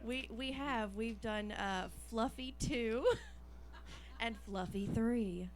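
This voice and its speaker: A woman's voice: fairly high pitch, takes it slowly. A woman actress being interviewed on a radio show, giggly and hesitant, with many fillers. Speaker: actress guest. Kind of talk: interview answers.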